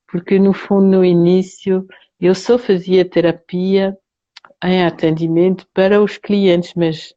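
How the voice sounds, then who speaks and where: An older woman from France, a guest on a live video interview, recalling her story slowly and with hesitations. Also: fairly low pitch, warm tone, muffled recording. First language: French. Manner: slow, hesitant and reflective. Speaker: guest therapist.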